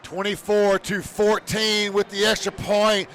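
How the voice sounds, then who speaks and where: A man calling high school football play-by-play, shouting on big plays. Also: flat delivery, measured pace, slight background noise. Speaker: play-by-play announcer.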